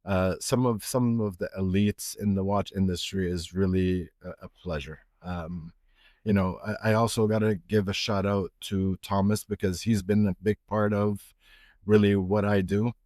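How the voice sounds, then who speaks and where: Low-voiced man guest, halting speech. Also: fairly even intonation, a little mellow, no echo, studio quality. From Egypt. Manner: halting, many fillers and restarts. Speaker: watch retailer guest. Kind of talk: casual podcast interview.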